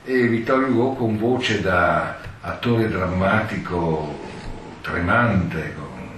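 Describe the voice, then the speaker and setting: Low-voiced male lecturer in an echoey hall. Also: slow, fairly bright tone. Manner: digressive, explanatory, with many asides. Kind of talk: lecture, reading and explaining a text. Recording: roomy hall, distant mic, faint noise.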